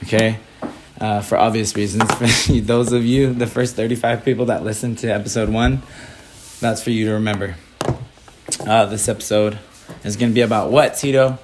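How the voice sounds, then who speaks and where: A man's voice: on the low side, steady tone, moderate pace, noisy background. A young man from Southern California co-hosting a casual podcast, joking, swearing and laughing often. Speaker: podcast co-host.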